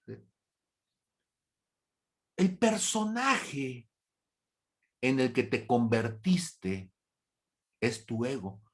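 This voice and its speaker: A man teaching a Bible study as a pastor, speaking deliberately, asking rhetorical questions and briefly acting out imagined exchanges in a raised voice. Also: medium pitch, a little mellow. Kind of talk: sermon.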